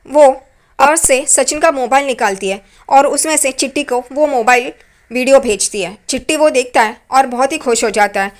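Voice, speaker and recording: A high-pitched woman at a moderate pace casually recaps an episode of a TV serial. Her chatty, loose storytelling is peppered with repeated "here" fillers.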